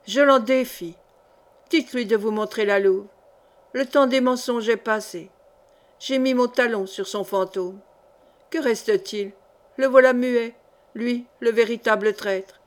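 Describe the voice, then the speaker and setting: A woman's voice: on the high side, measured pace, natural voice. Woman reading a young male clog-maker, fiery crowd orator, solemn, accusing, raised voice, audiobook.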